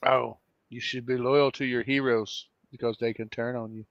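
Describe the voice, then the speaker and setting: A man joins a movie show as a guest and talks in a casual, conversational way. His voice sits at a middle pitch, with a dry sound that is muffled and lo-fi. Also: level tone, normal speed, no room sound. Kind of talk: casual chat.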